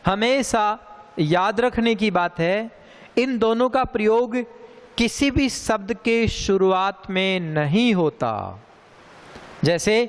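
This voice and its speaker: A man teaching a grammar lesson, speaking slowly and deliberately and repeating sounds for emphasis. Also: high-pitched, fairly bright tone, smooth. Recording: long hall reverb.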